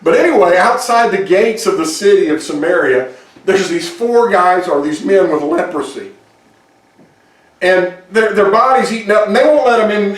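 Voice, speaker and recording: A man preaching in a church, retelling a story in a folksy, chuckling way. His voice sits a little high for a man. He is picked up from a distance, so the room's echo hangs around every word. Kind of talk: sermon storytelling. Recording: echoey room, distant mic.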